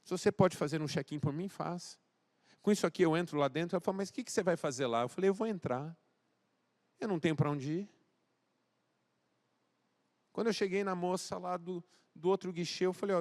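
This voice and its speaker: High-pitched and a little fast, this pastor from Brazil pauses often as he preaches. He shifts between booming exhortation and hushed, intimate address, voicing the dialogue of the story he tells.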